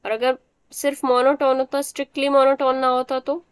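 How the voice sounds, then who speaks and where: A woman's voice: high voice, little pitch movement, fairly quick, clean tone, no room sound. A woman teacher giving a math lecture, explaining step by step and often checking that the students understand.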